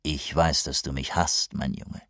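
A man voicing a cold, scheming male co-duke of about fifty, smooth and quietly menacing. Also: extremely low pitch, little pitch movement, measured pace, no room sound, clean studio sound, voice pushed down, heavily acted.

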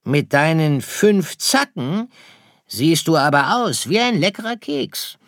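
A man voicing a sly, hungry fox who talks in a coaxing, drawn-out way. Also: a little high, sing-song, fairly bright tone, no echo, clean studio sound, pitched above the performer's own voice, heavily acted.

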